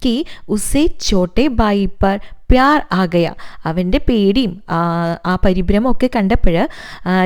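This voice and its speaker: A woman's voice: mid-range voice, a little mellow. A woman teacher, reading lines of a text aloud and explaining each one, asking questions along the way. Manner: reads Hindi lines then explains each in Malayalam; asks the class questions. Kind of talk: lesson explaining a Hindi text in Malayalam.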